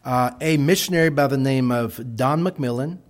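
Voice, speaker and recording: A middle-aged missionary with a Texas accent and a mid-range voice tells a church congregation about his work and fields their questions. His manner is folksy and halting, full of restarts.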